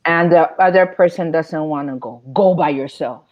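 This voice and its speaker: A woman's voice: low voice, normal speed, highs cut off. A woman speaking as a panel guest, making her points emphatically and building them through repetition. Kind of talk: panel discussion.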